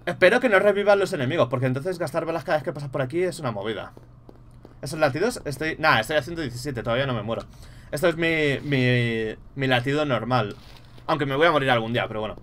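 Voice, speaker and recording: A young man with a Spain Spanish accent, commentating a horror game live, muttering to himself and bursting into loud startled swearing. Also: a little high. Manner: mutters quietly to himself between outbursts. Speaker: gaming streamer.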